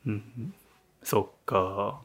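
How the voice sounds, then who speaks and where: A man hosting a casual radio chat from a small bar studio, talking in a playful, teasing way and keeping his voice soft. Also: on the low side, drawn-out words, breathy edge. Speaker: radio show host.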